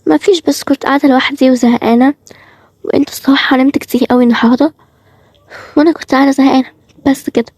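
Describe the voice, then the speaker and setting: A woman's voice: sits high, steady tone, very fast, pauses often, darkish tone, no echo, pitched above the performer's own voice. A woman voicing Dima, an affected young woman with an Egyptian accent who keeps changing her way of talking. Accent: Egyptian Arabic. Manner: affected, shifting sing-song delivery. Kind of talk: voice acting for a cartoon role-play video.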